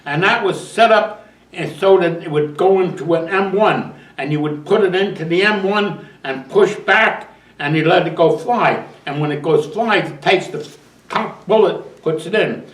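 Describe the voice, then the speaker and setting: A man's voice: high-pitched, normal speed, a bit bright, roomy sound, far from the mic, poor audio. An older man, a veteran, telling his memories in a rambling oral history interview, often restarting and chuckling. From United States.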